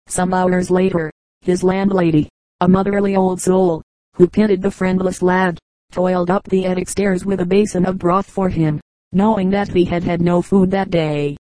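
Low, flat-voiced woman reading a story. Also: normal speed, dry recording, rough recording. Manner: steady, even reading with quoted dialogue. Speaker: audiobook reader. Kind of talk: storybook narration.

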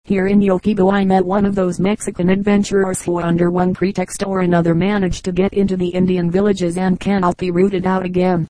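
A woman narrates an audiobook at a steady, measured pace. Her voice sits low and mellow, with very little rise and fall. The sound is dry and close. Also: no room sound, poor audio. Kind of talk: scripted narration.

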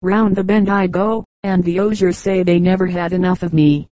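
A woman reading the part of a cheerful talking brook in a storybook, gentle and fond, with an even, mellow voice. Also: on the low side, normal speed, no echo, close to an everyday voice, rough recording. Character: cheerful chattering brook, endlessly happy.

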